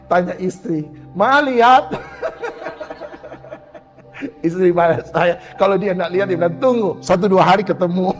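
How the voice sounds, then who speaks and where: A man's voice: high-pitched, big-room sound. A male pastor preaching a humorous sermon, joking and acting out little quoted exchanges. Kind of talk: humorous sermon to a women's gathering. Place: church hall.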